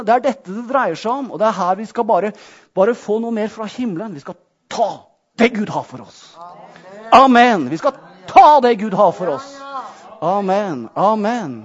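Fervent high-voiced male preacher. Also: slightly rough. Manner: fervent, punctuates with amen and hallelujah. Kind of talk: sermon. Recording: dull lo-fi sound.

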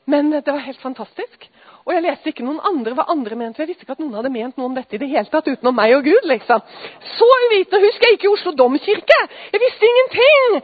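A woman's voice: sits high, lively intonation, no room sound. A woman giving an earnest, emotional personal testimony, at times dropping to a whisper. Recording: dry, phone-like sound.

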